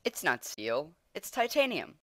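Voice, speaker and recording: A man's voice: a little high, huge pitch swings, a little slow, sharp tone, full character voice. Man voicing a bossy nerdy gamer kid. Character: nerdy young male gamer holed up in a bunker.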